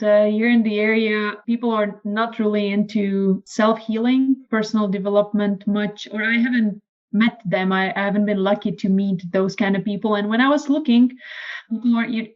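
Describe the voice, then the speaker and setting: A woman with a Czech accent, a podcast guest telling her story in casual conversation, lively and acting out quoted lines. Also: dull audio. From Czech Republic. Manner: animated, acts out quoted lines in a higher voice.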